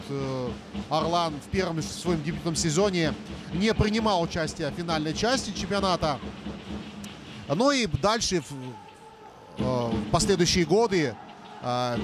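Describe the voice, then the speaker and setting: A man giving live hockey commentary as the match is played. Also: on the high side. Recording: clear arena noise behind. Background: noisy ice rink ambience.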